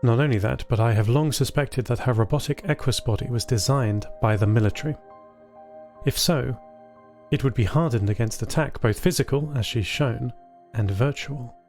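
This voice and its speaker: A male narrator for an audio fiction podcast tells a scripted first-person story over a music bed. At a normal speed, in a middle-pitched, darkish voice, he plays a thoughtful, caring artificial intelligence built for communication.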